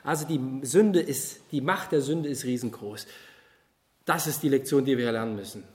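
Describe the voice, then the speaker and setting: A man preaching a sermon at a youth retreat, animated and addressing listeners directly with questions, moving between loud emphasis and quiet asides. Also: mid-range voice, normal speed, echoey room.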